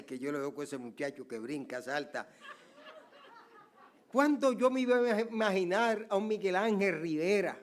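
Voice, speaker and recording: Older man, pastor, sermon, high voice, soft asides, loud emphatic peaks.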